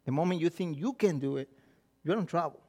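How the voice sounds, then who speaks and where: Preaching in English as a second language, his first being Spanish, a middle-aged Mexican-accented pastor uses a notably high, slightly mellow voice at a somewhat quick pace. His sermon unfolds through lively stories where he acts out what he and others were thinking, frequently restarting his sentences.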